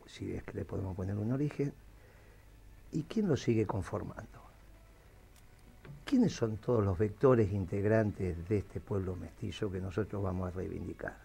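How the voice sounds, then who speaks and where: Argentine radio host, low gravelly voice, kinda husky, talks real slow. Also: male voice, warm tone. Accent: Argentine Spanish. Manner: slow, deliberate, steers the talk. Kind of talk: radio talk show discussion.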